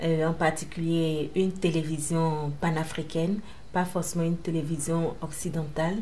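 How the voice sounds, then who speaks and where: Earnest woman in her thirties, low voice. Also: level tone, mellow, slight background noise. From Benin. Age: 30s. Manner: earnest, measured, hesitant fillers. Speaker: master's student. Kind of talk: interview self-introduction.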